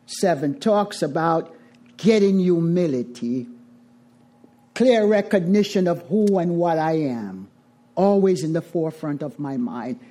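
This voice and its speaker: A middle-aged Jamaican woman talks to her recovery group in twelve-step fashion. Her lowish voice is expressive, dark and mellow, its edges soft. She stresses her points deliberately, going back over phrases to give them weight.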